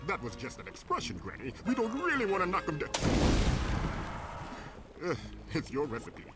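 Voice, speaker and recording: A man voicing a grumpy skeletal male Grim Reaper in a cartoon, with a Jamaican accent and a deep, gravelly put-on voice, sardonic and exasperated, over cartoon music. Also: huge pitch swings, normal speed. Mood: flustered.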